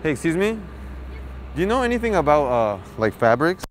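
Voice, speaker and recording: A man's voice: fairly high pitch, big pitch swings, a little fast, a little hiss or hum. A young man doing a casual, upbeat pickup-line prank vlog outdoors on a campus, chatty and laughing. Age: young adult. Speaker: prank vlogger.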